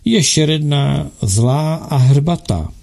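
A man's voice: fairly high pitch, lively intonation, vocal fry, warm tone, pitched above the performer's own voice. A man voicing a bold, playful young noble girl who teases in a pert way. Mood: teasing. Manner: pert, teasing.

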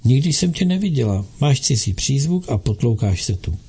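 A man's voice: medium pitch, very animated, dark tone, breathy edge, full character voice. A man voicing a bold, playful young noble girl who teases in a pert way. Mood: teasing. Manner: pert, teasing.

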